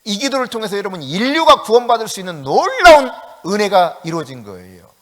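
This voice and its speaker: Lively bright-voiced Korean pastor preaching in a hall. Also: male voice, high voice, fast talker. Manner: animated preaching, acts out prayers and quoted speech with rising emphasis; laughs often while preaching. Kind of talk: sermon at a Thursday evening prayer meeting.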